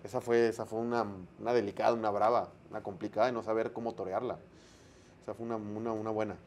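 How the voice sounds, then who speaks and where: A Mexican man, a sports broadcaster, telling lively anecdotes in a casual interview, full of slang and acted-out dialogue. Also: fairly low pitch, fast, slight background noise.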